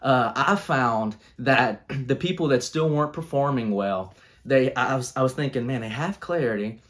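A man's voice: medium pitch, moderate pace. A man in his thirties, earnest and coaching in tone, talking about leadership on a video call from a small room at home. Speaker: guest speaker on leadership.

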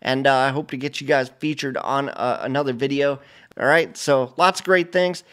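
A middle-aged man hosting a casual flight simulator video, talking over a screen share in a relaxed, rambling way full of fillers and restarts. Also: mid-range voice, normal speed. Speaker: flight sim channel host. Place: home studio, indoors.

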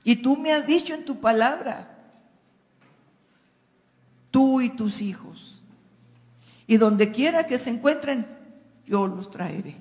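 Man preaching slow and passionate, loud pleas then hushed near-whispers, big echoey hall. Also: very high-pitched. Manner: impassioned, swings from loud pleading to near whispers. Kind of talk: sermon with spoken prayer. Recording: long hall reverb.

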